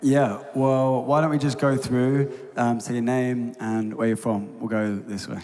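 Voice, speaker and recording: A male youth ministry leader gives a preacherly conference talk on stage in a large concert hall, building to emphatic peaks, then hosts a panel. His medium-pitched voice is mellow, a little slow and flat in delivery, and the big hall adds long reverb.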